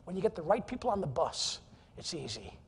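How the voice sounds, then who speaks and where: Male keynote speaker, high and husky voice, jokey and animated, echoing conference hall. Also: a little fast. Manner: animated, jokey, teases the audience. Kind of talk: energetic, humorous business presentation. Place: large conference hall, live audience.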